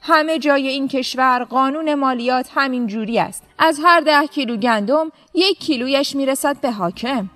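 A woman voicing an arrogant, scornful male governor in a story, talking down with loud, mocking words. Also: high voice, few pauses, faint music behind, pitched above the performer's own voice. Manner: shouting, mocking and haughty.

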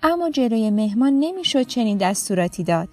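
High-voiced woman reading a story. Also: big pitch swings, mellow, soft background music. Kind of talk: scripted story narration.

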